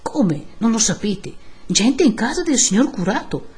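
A woman's voice: mid-range voice, big pitch swings, unhurried, warm tone, voice pushed up. A woman voicing a startled male church sacristan calling for help in a storybook reading. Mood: alarmed.

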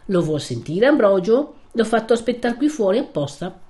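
A woman's voice: mid-range voice, sing-song, moderate pace, warm tone, voice pushed up, close to an everyday voice. A woman reading aloud, voicing a determined young village man who speaks plainly and firmly. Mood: eager. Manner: resolute, plain-spoken. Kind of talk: reading a classic novel aloud.

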